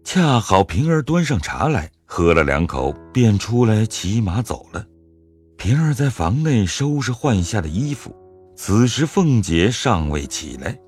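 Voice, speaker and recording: A man narrates a classic tale for an audio drama, measured and storytelling in manner. His voice is low and a little husky, yet his pitch moves expressively. Soft music plays underneath. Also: big pitch swings.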